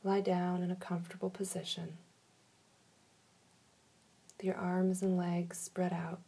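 A woman leading a guided relaxation in a soft, soothing manner, giving slow instructions with long pauses. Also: on the low side, flat delivery, vocal fry, husky.

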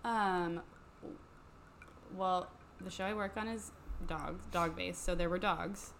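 A young woman with a slightly low, cold-roughened voice chats loosely on a podcast, rambling through stories and breaking into laughter. A faint hum of room sound sits behind her. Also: steady tone, takes it slowly, a bit bright. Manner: chatty, rambling, laughs often. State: hoarse from a cold. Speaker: podcast co-host. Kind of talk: casual podcast chat.

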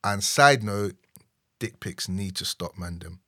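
A man's voice: fairly low pitch, a little slow, sharp tone, no room sound, studio quality. A young man with a London accent chatting casually and giving opinions in a slangy roadman way. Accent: London, urban slang.

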